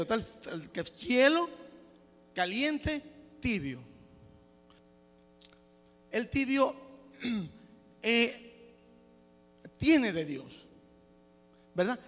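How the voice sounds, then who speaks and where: Guy giving a sermon in church, real high voice, stumbles and restarts a lot, echoey hall sound. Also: fairly bright tone. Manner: restarts and stumbles while exhorting; frequent praise interjections. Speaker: preacher.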